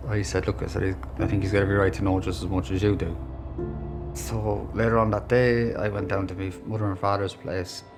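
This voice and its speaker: Low-voiced Irish man, reflective. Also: flat delivery, a little fast, over music. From Ireland. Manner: reflective, candid storytelling. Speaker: documentary interviewee. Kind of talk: documentary interview.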